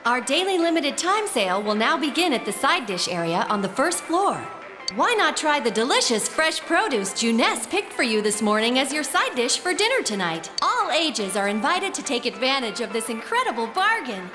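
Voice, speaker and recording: A bright supermarket loudspeaker announcer. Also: female voice, big pitch swings, normal speed. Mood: upbeat. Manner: bright sales pitch, upbeat. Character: cheerful female supermarket PA announcer. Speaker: store announcer. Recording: long reverb with game music. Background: game music.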